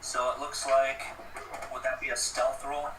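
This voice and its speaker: A man playing a tabletop game, asking measured questions about the plan. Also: mid-range voice, little pitch movement, pushed and bright, reverberant, far from the mic, slight background noise, rough recording. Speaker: player.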